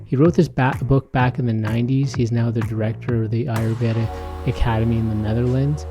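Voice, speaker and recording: Over music, a male podcast host delivers an intro and chats casually with a guest in an informal, conversational way. His mid-range voice is fairly quick, with fairly even intonation.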